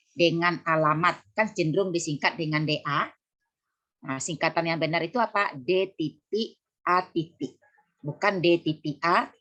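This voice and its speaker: Low-voiced woman lecturer correcting students. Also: a bit bright, muffled recording. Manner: corrective, spells out letters one by one, repeats key rules. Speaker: university lecturer. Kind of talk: class lecture on punctuation.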